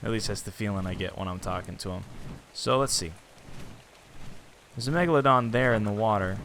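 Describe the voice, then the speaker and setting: A man hosting a let's play, chatting casually and getting excited as he plays. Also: on the low side, fairly quick, gravelly, slight background noise. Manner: chatty, excitable, self-talking while playing. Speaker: gaming channel host.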